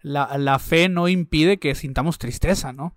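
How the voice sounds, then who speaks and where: A man's voice: fairly high pitch, measured pace, no echo, studio quality. A man interviewing a guest, offering short affirmations and clarifying questions. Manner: brief affirmations and clarifying follow-ups. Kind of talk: conversational interview.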